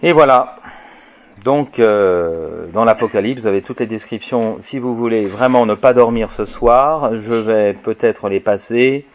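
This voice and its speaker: A man giving an informal lecture in a halting way, with restarts, filler tags and wry asides. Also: on the low side. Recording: dull lo-fi recording.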